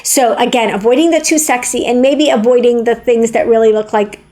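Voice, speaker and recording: Woman fashion vlogger, forties, frank and chatty, fairly high-pitched, opinionated advice. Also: steady tone, fairly quick, darkish tone. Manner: frank, chatty, repeats words when emphatic. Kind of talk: opinionated style advice to camera.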